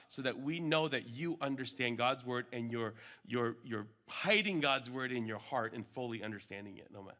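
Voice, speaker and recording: A man's medium-pitched voice, pushed and bright, guides a workshop group through Bible discipleship in a casual style. Frequent tags like "right" and "okay" check on listeners, and he shifts between Hmong and English mid-talk.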